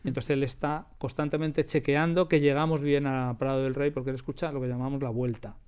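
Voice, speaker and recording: A man with a Spanish accent in a radio studio, explaining in a quick, self-correcting way during a casual interview. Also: mid-range voice, flat delivery, a little mellow, clean tone. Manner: quick, explanatory, corrects himself mid-sentence. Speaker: radio drama production team member.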